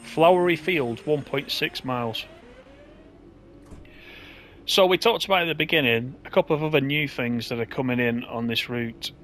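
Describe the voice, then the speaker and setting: A man's voice: medium pitch, normal speed, long pauses, fairly bright tone, slight background noise. Easygoing man narrating a train game. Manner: chatty, easygoing, thinks aloud with fillers. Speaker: gameplay commentator. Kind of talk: casual gameplay commentary.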